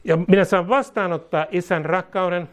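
A man's voice: sits high, fairly even intonation, crowd noise. A man preaching a charismatic sermon, declaring against demons and fear, then leading the congregation in a prayer they repeat line by line. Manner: declaring, repeating lines for the congregation to echo, speaking in tongues. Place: church service before a congregation.

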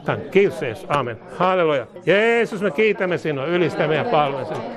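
High-voiced man preaching over a crowd. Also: expressive. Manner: declaring, repeating lines for the congregation to echo, speaking in tongues. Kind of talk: charismatic sermon and led prayer. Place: church service before a congregation.

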